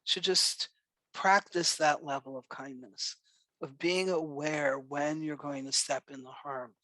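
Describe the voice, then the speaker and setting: A man with a New York accent giving a gentle, encouraging dharma talk to a meditation group, speaking unhurriedly with pauses. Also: a little high, fairly even intonation, dry recording. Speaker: meditation teacher.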